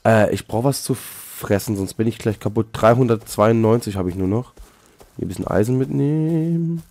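A man hosting a Let's Play, chatting casually with a co-op partner, excitable and joking, often exclaiming. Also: on the low side, moderate pace. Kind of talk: casual co-op gaming chat.

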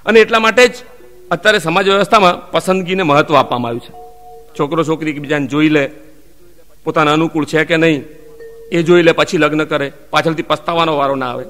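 A man telling a string of jokes as a stand-up comedian, acting out the people in them with quick voice shifts. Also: on the high side, a bit bright, big-room sound, soft background music. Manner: acts out the characters in his jokes with quick voice shifts. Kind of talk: Gujarati joke telling.

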